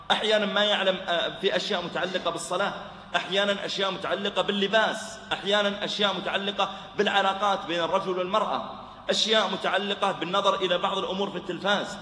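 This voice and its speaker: A quick-talking man preaches with anecdotes, animated and acting out both sides of each exchange. His voice is bright and forceful, sitting a little high. It booms around an echoey hall with a long reverb and faint background hum. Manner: animated, acts out dialogue, drops to soft voice for gentle quotes. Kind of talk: religious lecture with storytelling.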